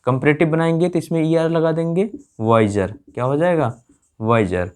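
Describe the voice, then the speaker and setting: A man's voice: a little high, normal speed, a little mellow, clear, resonant tone. A man with an Indian accent teaching an English grammar lesson. He keeps checking that his listeners follow, repeats key words and answers his own questions, and stretches out the English examples.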